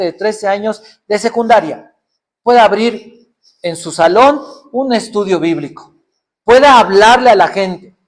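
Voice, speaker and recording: A middle-aged man preaching a sermon, firing off rhetorical questions and acting out people's excuses. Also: high voice. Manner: rhetorical questions, acts out excuses in other voices.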